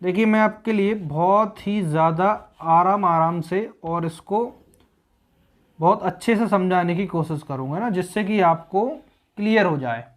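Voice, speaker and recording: A man's voice: sits high, unhurried. Patient man teaching a grammar lesson. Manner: patient, explanatory, repeats key points. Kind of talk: exam-prep grammar lesson.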